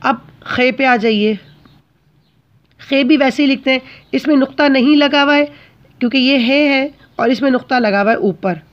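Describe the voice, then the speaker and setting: A woman's voice: sits high, normal speed, muffled recording. Patient woman teaching children handwriting. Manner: patient, explains step by step and checks understanding.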